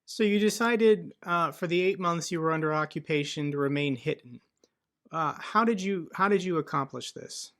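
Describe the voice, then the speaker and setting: A man's voice: fairly high pitch, normal speed, fairly bright tone. A man hosting a podcast interview, asking plain, direct questions. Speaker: podcast host.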